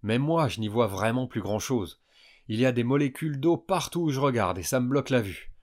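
A man's voice: mid-range voice, expressive, fairly quick, lightly acted. A man voicing a clever young boy patiently explaining science. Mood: puzzled. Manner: explanatory, earnest.

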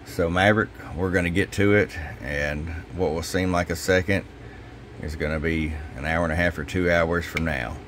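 Deep-voiced man running a CB radio shop. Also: moderate pace, a little hiss or hum. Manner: relaxed, folksy, repeats "hello" into the mic while testing. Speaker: CB radio shop owner and technician. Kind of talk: casual workshop demo talk. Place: radio repair workbench indoors.

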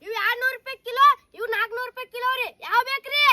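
Man playing a high-voiced shouting fish seller. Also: steady tone, very fast, exaggerated voice. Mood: curt. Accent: North Karnataka Kannada. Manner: loud hawking calls, curt retorts. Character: gruff street fish seller, adult man.

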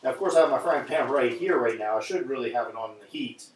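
A man's voice: medium pitch, quick pace, distant mic. Man with an echoey, cave-like sound. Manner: chatty, talks to viewers while fiddling with audio settings. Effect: echoey, cave-like room sound. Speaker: livestream host cooking breakfast. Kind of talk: casual livestream chat while cooking. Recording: roomy echo, off-mic, faint noise.

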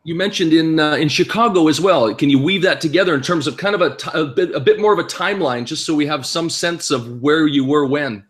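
A man's voice: on the high side, fairly quick, few pauses, fairly bright tone. A middle-aged man hosting an interview on a video call from a room at home, asking curious, guiding questions. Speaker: interview host.

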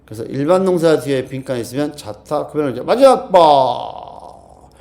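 A man teaching an exam-prep English class, drilling the students and repeating key phrases with quick rhetorical questions. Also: medium pitch, expressive, warm tone. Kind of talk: lecture.

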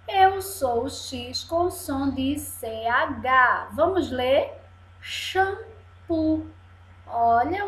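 Lady teacher, super slow and patient, stretches every syllable for the kids, roomy echo. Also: sits high. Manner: patient, draws out each word slowly, syllable by syllable. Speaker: primary school teacher. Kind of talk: video lesson for young children. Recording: echoey room sound.

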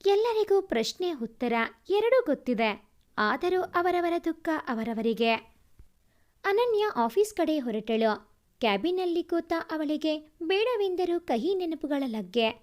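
High, mellow woman storyteller. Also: sing-song, takes it slowly. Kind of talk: scripted story narration.

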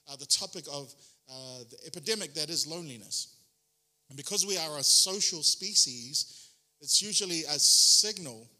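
Bright-voiced New pastor preaching. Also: male voice, on the high side. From New Zealand. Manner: chatty, self-deprecating, frequent ums and restarts. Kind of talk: sermon.

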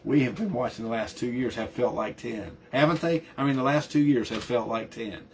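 A man's voice: medium pitch, a little fast, a little mellow, a little hiss or hum. Earnest male pastor preaching a sermon. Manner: earnest, emphatic preaching with frequent restarts and repeated words.

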